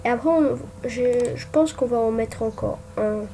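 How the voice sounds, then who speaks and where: A woman's voice: fairly high pitch, moderate pace, vocal fry, mellow, soft background music. A young woman giving casual commentary while making a ranking on her computer, hesitant with many fillers and restarts. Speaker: gaming YouTuber. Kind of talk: casual screen-recorded commentary. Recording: faint background noise with keyboard typing.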